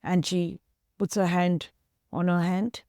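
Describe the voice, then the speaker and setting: A woman's voice: on the low side, flat delivery, slow pace, darkish tone, dry recording, clean studio sound. A woman with an Indian English accent, an activist guest earnestly retelling a story in an interview and voicing its dialogue.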